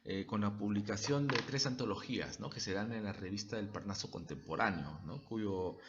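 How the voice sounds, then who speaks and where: A man with a fairly low voice speaks in a measured way during a relaxed literary discussion, checking his notes as he goes. The recording is dull and lo-fi, with a faint hiss underneath. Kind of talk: casual cultural discussion. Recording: dull lo-fi sound with faint noise.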